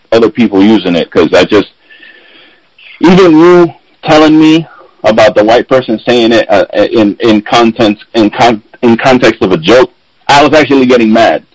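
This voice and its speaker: A podcast host of Puerto Rican and Dominican heritage chats casually in a lowish voice at normal speed, animatedly telling stories, acting out the people he quotes and swearing freely. The audio comes over a remote call, dry and low in quality.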